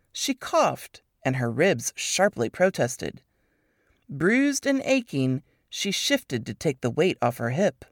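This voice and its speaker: Woman reading a novel excerpt, lowish voice that swoops all over, super dry close sound. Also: no echo. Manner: expressive storytelling, swooping pitch. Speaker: reader of a book excerpt. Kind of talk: scripted narration.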